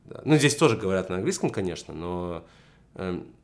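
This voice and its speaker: A young man with a low, very animated voice talks fairly quickly as a podcast guest in a casual conversation. He lays out his points in a structured way but uses a lot of fillers.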